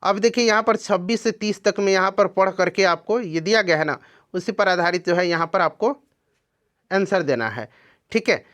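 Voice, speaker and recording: A man's voice: high-pitched, moderate pace, a bit bright. A man teaching as an exam coaching teacher, going through test questions and explaining each answer, checking in with listeners as he goes. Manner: explanatory, repeats "ठीक है ना" to check in.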